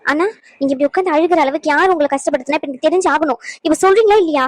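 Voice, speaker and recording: A woman's voice: high-pitched, racing, dry recording, close to an everyday voice. A woman voicing a worried, stubborn young pregnant wife in a cartoon, pleading and pressing with questions. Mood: insistent. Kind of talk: cartoon voice acting.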